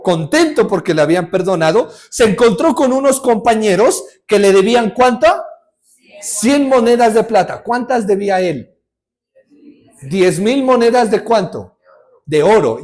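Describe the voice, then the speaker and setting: A man preaching a sermon, retelling a parable with lively humor and rhetorical questions. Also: very high voice. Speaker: pastor.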